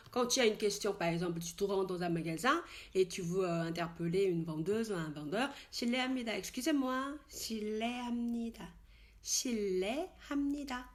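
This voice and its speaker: A woman teaches in French with frequent fillers and restarts. She slowly repeats each expression several times so it can be copied. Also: on the high side. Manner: slow, repeated model pronunciations of Korean words. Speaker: Korean language teacher. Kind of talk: casual spoken language lesson.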